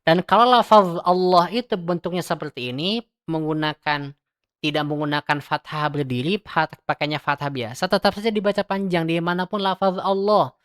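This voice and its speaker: A man's voice: a little high, moderate pace, a bit bright, clean tone. A man teaching Quran reading in a recorded lesson, drilling Arabic letter sounds syllable by syllable and explaining where the tongue and mouth go.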